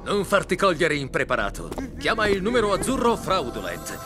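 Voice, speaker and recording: An actor playing a dramatic announcer in a scripted cartoon commercial. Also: male voice, high-pitched, wildly swooping pitch, normal speed, over music. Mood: promotional. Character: dramatic male advertising announcer.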